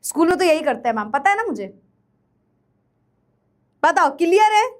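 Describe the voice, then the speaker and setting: High-voiced woman teacher, lively and teasing, lecturing an online class. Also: moderate pace. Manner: animated, teasing, mimics students. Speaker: chemistry teacher.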